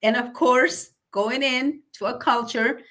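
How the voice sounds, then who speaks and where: A middle-aged woman from Guatemala whose first language is Mayan, telling her life story earnestly, with frequent um pauses. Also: a little high, a bit bright, a little hiss or hum. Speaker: guest speaker. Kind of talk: personal storytelling.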